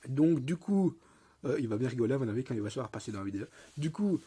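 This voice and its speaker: A man's voice: mid-range voice, expressive, fast talker, warm tone, breathy edge. A young man, a lisp and a congested, cold-affected voice, giving a rambling, slangy, hesitant tutorial commentary on a mobile game. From Belgium.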